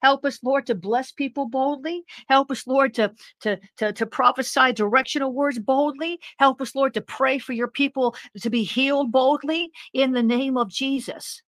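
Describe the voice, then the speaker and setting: A woman's voice: high-pitched, steady tone, moderate pace, hardly any pauses, no echo. A woman leading a fervent spoken prayer, with rhythmic repeated phrases that build into exclamations. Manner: repetitive, rhythmic, rising into exclamations; speaks in tongues briefly. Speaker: prayer leader.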